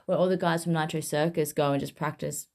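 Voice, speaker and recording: A woman's voice: deep voice, steady tone, quick pace, creaky, darkish tone. A woman co-hosting a casual, joking chat. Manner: informal, joking. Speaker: podcast co-host.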